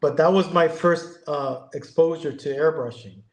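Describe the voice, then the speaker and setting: A man in his fifties from Connecticut, a guest talking in a casual, halting way, with many ums and restarts. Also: a little high, fairly even intonation, echoey room, poor audio. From Connecticut, USA. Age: 50s. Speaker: guest, airbrush artist. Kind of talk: casual interview chat.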